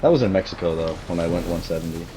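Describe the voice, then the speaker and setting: A man's voice: sits low, very fast, warm tone, a little hiss or hum. A man chatting casually on a stream, chiming in with short agreements and laughing often. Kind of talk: casual chat.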